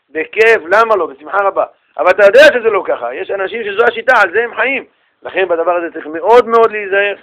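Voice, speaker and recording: Man, high voice, rabbi teaching a class, animated storyteller, radio sound. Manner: animated storytelling, acts out little dialogues. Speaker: rabbi giving a Torah class. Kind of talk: lively religious class.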